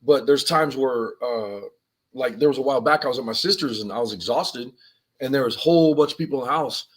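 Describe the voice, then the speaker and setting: A man's voice: mid-range voice, a little fast, slightly rough. A man co-hosting a live survival podcast, telling stories in a rambling, slangy way and laughing as he goes. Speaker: podcast co-host. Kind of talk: casual live-stream chat.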